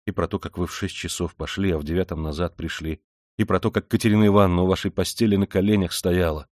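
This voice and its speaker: A man's voice: fairly even intonation, fast, a little mellow, dry recording, studio quality, close to an everyday voice. A man voicing a gloomy, brooding young man. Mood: somber. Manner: sullen, low and abrupt. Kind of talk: audiobook character reading.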